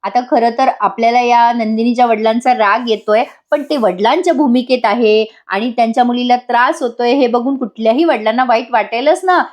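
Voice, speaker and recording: A woman's voice: on the high side, brisk, few pauses. A woman narrating a TV serial recap as a voice-over, chatty and addressing viewers directly. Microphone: voice-over recording.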